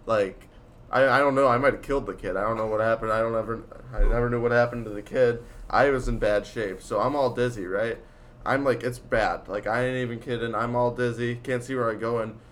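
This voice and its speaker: A man's voice: mid-range voice, fairly even intonation, brisk, a bit bright. A teenage boy in casual chat, rambling through a story with lots of fillers and laughs. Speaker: student storyteller.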